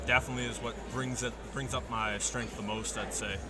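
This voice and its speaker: A man's voice: mid-range voice, steady tone, fairly quick, soft background music. A man with a Canadian accent, a competitor giving brief, easygoing answers in an interview. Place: powerlifting meet venue. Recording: echoey with loud crowd.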